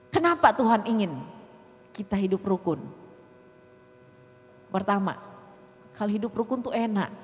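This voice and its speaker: A middle-aged woman evangelist, giving a conversational sermon with quick, lively delivery. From Manado, Indonesia. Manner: fast, often high-pitched, lively talk. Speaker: evangelist preacher. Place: church hall. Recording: church hall reverb.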